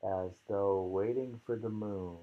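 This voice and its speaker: On a dull lo-fi recording, a man reads poems aloud slowly and haltingly, musing as he goes, repeating lines and adding rambling, informal remarks. His voice sits on the low side and keeps a steady tone.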